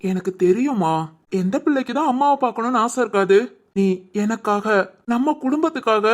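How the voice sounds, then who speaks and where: A voice actor playing a caring young husband in a cartoon, who gently teases and coaxes his wife. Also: medium pitch, natural voice. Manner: gently teasing, coaxing. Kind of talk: cartoon voice acting.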